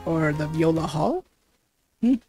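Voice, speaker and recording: A woman's voice: low-pitched, animated, slow, warm tone, soft background music. A woman hosting a let's play, giving stammering, hesitant gaming commentary.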